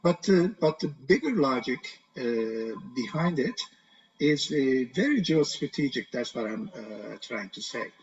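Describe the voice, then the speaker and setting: A man's voice: medium pitch, animated, unhurried, distant mic. A male professor on a panel, speaking over a group video call that sounds muffled and breaks up, hesitant with frequent filler sounds. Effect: group video call audio, muffled and breaking up. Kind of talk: panel discussion. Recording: muffled lo-fi call audio from off-mic.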